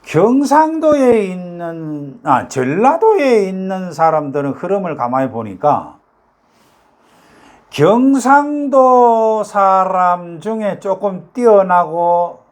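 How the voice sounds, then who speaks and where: An older man from North Gyeongsang, South Korea, hosts a YouTube talk, chatting to viewers in a rambling way with plenty of fillers and rhetorical questions. His Gyeongsang-accented voice sits high and is very animated, at a slow pace.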